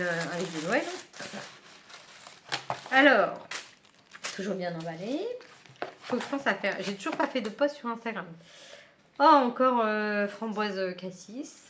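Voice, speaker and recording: A woman's voice: on the high side, fairly bright tone, slight background noise. A woman book vlogger chatting casually at home while she unboxes a book subscription box, with many fillers and small laughs.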